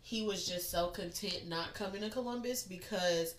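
A woman's voice: on the low side, moderate pace. Blunt, profane woman in an echoey room. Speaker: podcast co-host. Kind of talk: casual chat.

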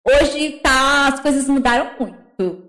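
Young woman telling her story, animated, does the other people's voices, echoey room. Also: sits high, slow. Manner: animated, acts out quoted voices. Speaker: guest. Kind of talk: casual storytelling.

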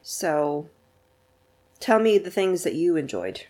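A woman's voice: lowish voice, very animated, takes it slowly, a little mellow. A woman co-hosting a book podcast, chatting casually, laughing often, and reading a blurb aloud.

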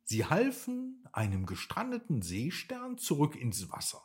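A man narrating a children's bedtime story, slow and very animated. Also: a little high, husky.

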